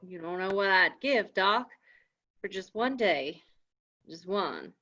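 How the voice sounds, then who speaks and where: A woman's voice: mid-range voice, expressive, moderate pace, sharp tone. A woman reading the part of an anxious young man who talks in a folksy cowboy drawl, in a live script reading. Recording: dull lo-fi audio.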